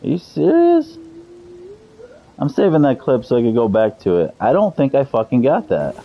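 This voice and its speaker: A man's voice: medium pitch, wildly swooping pitch, normal speed, highs cut off. A man in his thirties streaming a game, chatting loosely and cursing freely with his viewers. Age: 30s. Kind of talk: casual live-stream chat.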